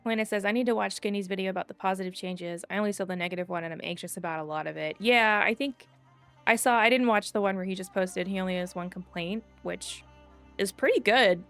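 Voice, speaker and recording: Faint game music plays as a woman streams, chatting casually about her gameplay and rambling slightly while she answers viewer comments. She talks fast in a mid-range, fairly bright voice.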